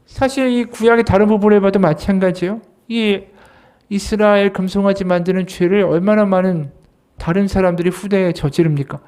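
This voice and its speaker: High-pitched man preaching a sermon. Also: a little mellow. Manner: earnest preaching, voicing quoted scripture and dialogue with emphasis. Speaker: associate pastor.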